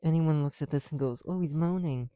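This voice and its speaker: A man records a casual first-person ASMR build chat in a dry, close space, speaking through a mask into a close mic so his breath is audible. As an ASMR creator he rambles, swears and teases, drifting between soft whispers and louder, fuller talk. His voice is on the high side and a little fast, with dry, dull audio.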